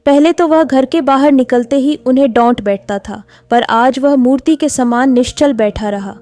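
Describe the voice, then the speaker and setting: A woman narrating a classic story in a steady, measured reading. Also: high voice. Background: soft background music.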